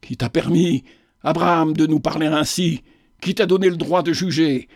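A man voicing a stern, respectable gentleman who reproves indignantly. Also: fairly high pitch, normal speed, no room sound, studio quality, natural voice.

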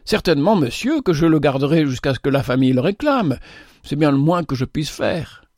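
A poor, kindly widow with three little ones talks in heartfelt exclamations, put on by a male storyteller. Her lines climb well above a man's usual pitch. The room is dry and close. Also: animated, brisk, darkish tone, no room sound. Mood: tender.

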